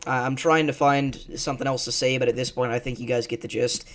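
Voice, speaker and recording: A man hosting live severe weather coverage, speaking with urgent, emphatic and repeated pleas in a halting, distressed delivery. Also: medium pitch, steady tone, fairly bright tone. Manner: urgent, emphatic, repetitive pleading warnings. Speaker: live storm coverage host.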